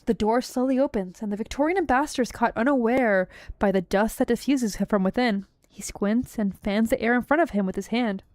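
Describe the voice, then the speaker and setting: A woman streamer chatting casually and reading a game story aloud, excitable and jokey. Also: on the high side, fairly quick, few pauses, no echo, clean studio sound.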